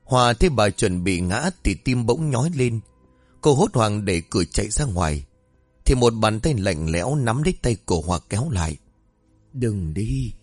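A man narrating a ghost story in a steady, dramatic storytelling voice. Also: lowish voice, normal speed, no room sound. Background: faint music.

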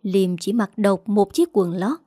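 A woman narrating an audiobook story in a steady, even manner. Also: medium pitch, unhurried, husky, dry recording, clean studio sound.

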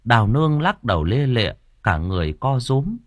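Husky, animated male storyteller. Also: medium pitch, brisk, no echo, studio quality. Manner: dramatic, animated reading. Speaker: audiobook narrator. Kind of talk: scripted story narration. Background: faint music.

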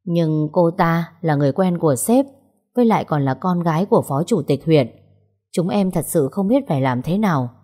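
A deferential junior male police officer in an audio story, asking for orders politely and hesitantly. The voice is low and husky. A woman narrator acts him out. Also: expressive, moderate pace, warm tone.

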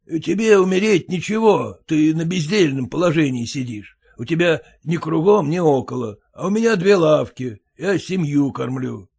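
A man's voice: a little high, expressive, normal speed, vocal fry, hardly any pauses, a little mellow, breathy edge, heavily acted. A man voicing a fussy, self-important merchant husband who lectures and grumbles. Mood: grumbling. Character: pompous fussy merchant husband, fearful of typhus.

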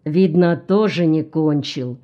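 Mocking cold older guy, woman reading him, slow and flat, dark tone. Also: low-pitched, muffled recording. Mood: sardonic. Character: mocking scarred older man, cold and probing.

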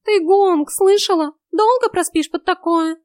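In a storybook reading, a woman performs a grumpy, rude male house cat who scolds and carries on theatrically, sounding agitated. She pitches the character high, above her own natural voice, with an expressive delivery at a moderate pace. The studio-quality recording has no room sound.

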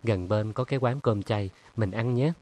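A man's voice: fairly low pitch, moderate pace, darkish tone, lightly acted. A man voicing a reserved young male artist in an audiobook, mild and guarded. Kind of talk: audiobook character reading.

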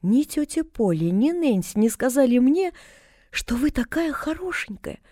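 A woman voicing a cheerful, chatty young girl who talks in a bright, excited, gushing way in an audiobook. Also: high voice, measured pace, dry recording, studio quality, pitched above the performer's own voice. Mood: eager. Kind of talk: audiobook character reading.

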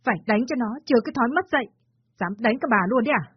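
A woman voicing a shrill, scolding old mother-in-law who shouts accusations. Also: very fast, husky, dry recording. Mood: wailing, furious. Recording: slightly dull lo-fi with faint music.

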